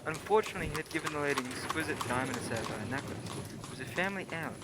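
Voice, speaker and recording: A man's voice: fairly high pitch, lively intonation, rapid-fire, close to an everyday voice. A man playing a genial, loyal doctor who courteously tells his old adventures in a radio play. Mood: storytelling. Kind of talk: old-time radio play narration and dialogue. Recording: clearly noisy background.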